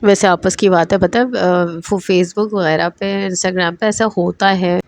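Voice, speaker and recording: A woman's voice: fairly low pitch, steady tone, no echo. A woman casually recapping drama episodes as a reviewer, chatty and hesitant with many fillers.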